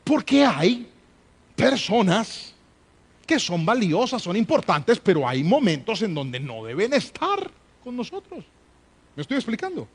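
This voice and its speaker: A male preacher with a high-pitched voice delivers a live church sermon. He is emphatic, hammers home repeated refrains and keeps calling on the congregation to respond. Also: huge pitch swings, measured pace, slightly rough.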